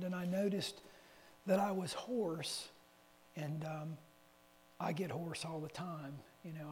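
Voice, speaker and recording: The voice is a man's, sitting high and a little mellow, as he preaches to a church assembly in a conversational way. A lay preacher, he rambles through folksy tales from his own life, with asides where he corrects himself. Reverb from the church meeting hall and a faint hum are audible.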